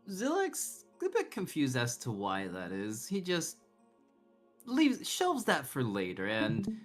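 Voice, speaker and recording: A man working as game master, narrating an online tabletop game in a halting, casual, conversational way. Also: mid-range voice. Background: background music.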